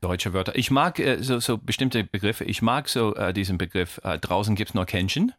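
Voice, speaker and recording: A middle-aged American man whose first language is English chats in German as a comedian guest on a radio show. His voice sits on the low side and the recording is dry and close. He tells anecdotes lively, acting out voices, with plenty of hesitations. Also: moderate pace, no echo. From United States. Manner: animated storyteller, acts out voices, frequent fillers. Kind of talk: casual radio interview chat.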